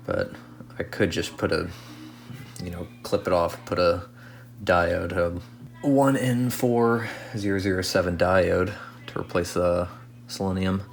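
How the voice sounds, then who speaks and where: A radio restoration hobbyist talks casually through a hands-on repair, thinking aloud hesitantly as he works. He has a deep voice and a measured pace, with soft music playing behind him, and the background is free of noise.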